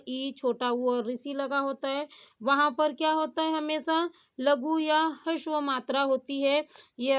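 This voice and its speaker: A woman's voice: high voice, fairly bright tone. A woman teaching a Hindi grammar lesson on poetic meter. She keeps asking rhetorical questions and then answers them herself. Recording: dull lo-fi sound.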